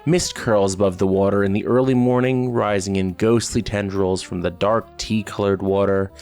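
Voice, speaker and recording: A man reading scripted narration as game master, in a measured, dramatic storytelling manner with sudden leaps in pitch. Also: fairly even intonation, a little mellow, soft background music.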